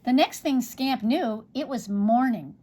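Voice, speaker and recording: A woman's voice: a little high, measured pace, a little hiss or hum. Woman reading a picture book aloud. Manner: expressive read-aloud with small slips and restarts. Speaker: storybook reader.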